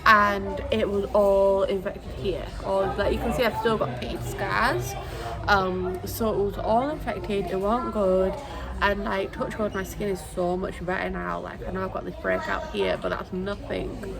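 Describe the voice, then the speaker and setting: A woman's voice: mid-range voice, measured pace, creaky, rough recording. A young British woman vlogging at home, chatting and rambling with lots of ums, recorded on her phone camera held at arm's length. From United Kingdom. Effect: phone video recording. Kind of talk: casual chat to camera. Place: indoors at home.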